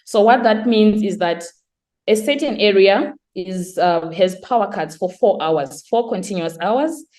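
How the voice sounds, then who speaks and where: A woman's voice: mid-range voice, expressive, measured pace, darkish tone. A young woman from Zimbabwe giving a conference talk on her master's research, explaining step by step with some fillers and restarts. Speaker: presenter of her master's thesis. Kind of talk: conference presentation.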